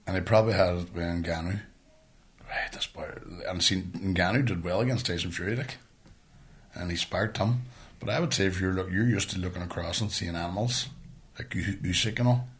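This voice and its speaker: This podcast co-host is a man with a Northern Irish accent and a low-sitting voice. His banter is casual and sweary, blunt and colloquial, and he's quick to argue.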